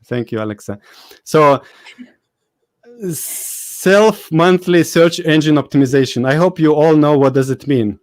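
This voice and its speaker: A man's voice: a little high, a little slow, darkish tone, no room sound. A man with a Lithuanian accent hosting a live webinar, chatty and hesitant, with many fillers and laughs. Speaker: host. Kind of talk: casual live webinar chat.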